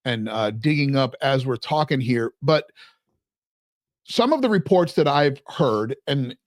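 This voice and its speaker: A man's voice: mid-range voice, animated, unhurried, no echo, clean studio sound. A man hosting a casual podcast, rambling a little and reading out numbers. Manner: rambling, reads out figures. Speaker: podcast host.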